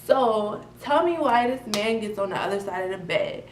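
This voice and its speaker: Young woman vlogger, animated slangy storyteller, faint hiss behind, middle pitch. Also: normal speed, recorded from a distance. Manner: slangy, animated storytelling that swings from loud outbursts to mutters. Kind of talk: casual storytime chat. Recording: roomy, off-mic with faint noise.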